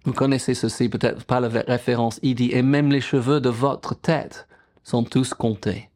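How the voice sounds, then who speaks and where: A man's voice: mid-range voice, level tone, moderate pace, a little mellow. A middle-aged male pastor preaching a sermon, quoting scripture and asking the congregation questions.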